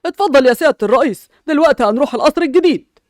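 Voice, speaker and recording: Egyptian dad just made mayor, proud and firm, fast talker, woman doing him, fairly high voice. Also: animated, a little mellow, dry recording, studio quality. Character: proud newly elected father, a man.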